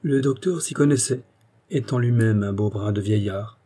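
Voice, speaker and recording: Give me a male audiobook narrator reading a classic novel at a measured, even pace. His tone is dark and mellow, with a husky grain. He tells the story steadily, without rushing. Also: fairly low pitch.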